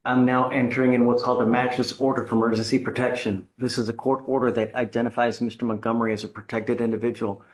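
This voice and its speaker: A man's voice: medium pitch, flat delivery, quick pace, hardly any pauses, low-quality recording. A man speaking as a judge in a courtroom, giving blunt, stern orders and warnings in a directive way. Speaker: judge presiding over bond hearings.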